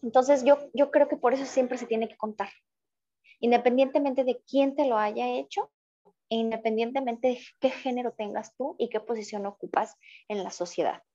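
Woman co-host, earnest, fairly high voice, slightly dull muffled sound. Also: darkish tone. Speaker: podcast co-host. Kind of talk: casual chat.

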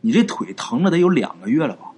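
A man voicing a shrewd, calm old male folk healer who speaks slowly in a low, knowing tone. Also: slightly rough. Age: older.

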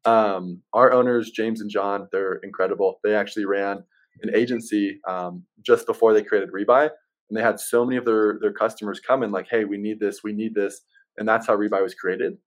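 A man's voice: lowish voice, steady tone, a little fast, low-quality recording. A man speaking casually as an interview guest, explaining things in an easygoing salesman manner. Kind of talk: casual chat.

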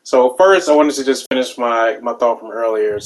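A man's voice: medium pitch, normal speed, slight background noise, low-quality recording. A man co-hosting a casual gaming chat, talking in slang and repeating himself for emphasis. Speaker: podcast co-host.

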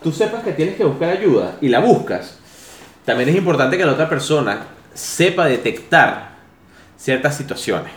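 A man's voice: a little high, big pitch swings, moderate pace. Joking man in an echoey room. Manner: joking, then earnest advice-giving. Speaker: podcast co-host. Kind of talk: casual banter podcast.

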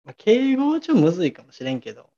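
A man's voice: high voice, racing. A man with a Kansai accent chats casually on a comedy podcast. He answers his partner with short, dry retorts and steers the talk. The recording sounds muffled and lo-fi. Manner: deadpan retorts, wraps up the show. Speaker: podcast co-host.

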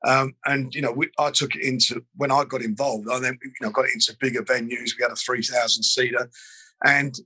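Older man, husky and close-miked, rambling guest recalling the past. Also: mid-range voice, level tone, brisk, bright, forceful tone, no echo, poor audio. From London. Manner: rambling, frequent restarts and fillers. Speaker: boxing promoter. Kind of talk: interview, reminiscing.

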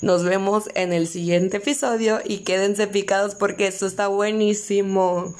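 A woman's voice: medium pitch, steady tone, normal speed, darkish tone. A young woman with a Mexican accent, candidly telling her own story as host and reporting conversations word for word. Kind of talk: personal storytelling.

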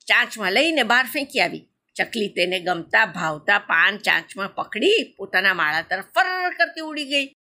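Bright-voiced woman reading a children's story. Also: medium pitch, moderate pace, hardly any pauses. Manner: lively, expressive.

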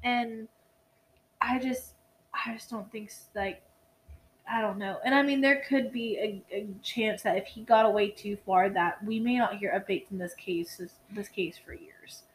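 This exhausted young woman, co-hosting a relaxed true-crime podcast, yawns while she rambles, uses profanity, and restarts sentences. She speaks at normal speed in a steady, medium-pitched voice; the recording is low quality with slight background noise.

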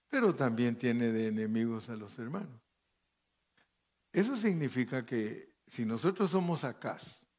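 Slow, unhurried preacher, a man. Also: medium pitch, darkish tone. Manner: checks in with listeners by asking "¿sí?" and "¿verdad?"; reads scripture aloud and comments between verses. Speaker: pastor. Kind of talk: sermon with Bible reading.

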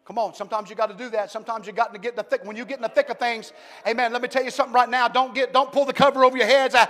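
High-voiced preacher with long reverb. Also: male voice, fairly even intonation, very fast. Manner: swings from hushed to shouted preaching. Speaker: pastor. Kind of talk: Pentecostal sermon. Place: large church sanctuary.

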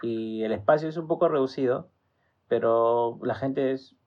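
A young Peruvian man co-hosting a podcast, telling stories in relaxed, crude slang. His voice sits at an ordinary middle pitch. The recording is dull and lo-fi. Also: moderate pace. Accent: Peruvian Spanish. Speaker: podcast co-host. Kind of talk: casual chat.

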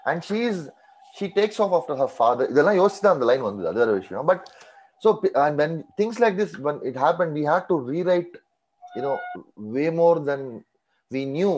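A man's voice: on the high side, big pitch swings, rapid-fire, darkish tone, poor audio. A man with a Tamil accent telling anecdotes as a series writer in an interview, switching between two languages mid-sentence. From Tamil Nadu, India. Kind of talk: animated anecdotal interview talk.

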